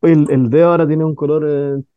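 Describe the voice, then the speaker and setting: A man's voice: on the high side, steady tone, fast talker, clear, resonant tone, no echo, phone-quality sound. Joking Chilean man on late-night radio. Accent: Chilean Spanish. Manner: joking, rambling, searching for words. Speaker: radio host. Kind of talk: casual radio banter.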